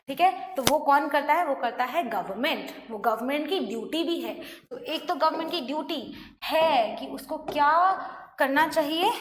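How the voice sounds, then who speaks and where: A woman teaching an online class, mixing Hindi and English and explaining by asking her students questions. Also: high-pitched. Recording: echoey room, faint noise.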